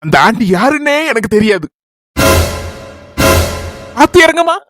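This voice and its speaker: A woman's voice: a little high, sing-song, unhurried. A woman doing a smitten husband, Kanyakumari Tamil accent, fussing, soothing, faint music behind. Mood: doting. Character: smitten middle-aged husband, doting on his girl.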